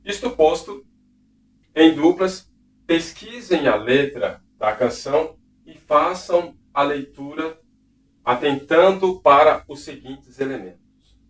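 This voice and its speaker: A man's voice: a little high, expressive, slow, fairly bright tone. Roomy distant male teacher explaining grammar. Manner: didactic, checks in with "tudo bem?". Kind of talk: recorded class lesson.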